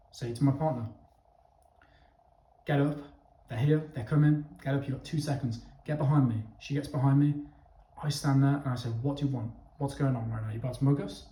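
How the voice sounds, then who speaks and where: A mellow, medium-pitched young man speaks straight to his viewers in a casual monologue of opinions. His delivery is blunt, sweary and emphatic, punctuated by frequent "okay?" checks, and the room sound is echoey.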